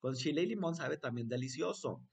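A man's voice: a little high, expressive, a little fast, creaky, breathy edge. A man teaching an online English lesson to young children, switching languages and repeating words for them to echo in a playful voice.

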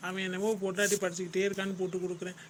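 A man voicing a middle-aged cartoon husband who teases and bickers with his wife in sharp retorts. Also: sits high, completely flat delivery, very fast, heavy background noise, lightly acted. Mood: placating. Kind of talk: cartoon comedy voice acting.

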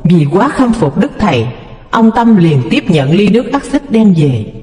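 A man narrating a devotional story as an expressive, dramatic storyteller. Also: high-pitched, measured pace. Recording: echoey, reverberant room.

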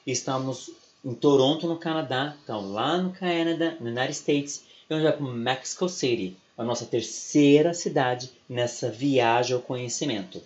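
A man's voice: medium pitch, moderate pace, darkish tone, highs cut off. A Brazilian man with a Brazilian Portuguese accent, giving an online English lecture in a chatty way and often tagging his sentences with "né?" and "ok?". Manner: chatty, keeps adding "né?" and "ok?". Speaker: English teacher.

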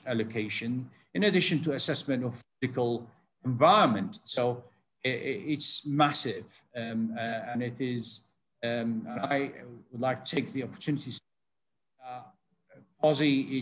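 An older man speaking on a video call panel as a food safety consultant, rambling with many fillers and restarts. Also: mid-range voice.

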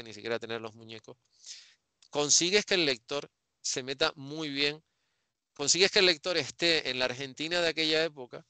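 A man's voice: medium pitch, sharp tone, smooth, no room sound. A middle-aged man from Spain interviewing a guest over a video call on a headset, talking thoughtfully with many restarts. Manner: thoughtful, trailing restarts and hesitations. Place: home room with bookshelves.

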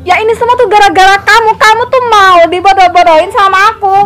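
A woman's voice: extremely high pitch, steady tone, fast talker. Woman playing a defiant cheating wife. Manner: defiant, sharp and mocking, then pleading. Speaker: unfaithful wife Arumi. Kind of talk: amateur village drama acting. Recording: loud guitar music behind.

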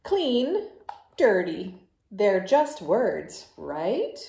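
A stubborn, melodramatic storybook pigeon , acted out by a woman reader, emphatic and childishly argumentative. The pitch jumps up and swoops, and the words ring in an echoey room. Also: very animated, drawn-out words, creaky, warm tone, heavily acted. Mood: defensive. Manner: emphatic, exclaiming, protesting. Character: dirty, stubborn, dramatic cartoon pigeon who argues like a child.

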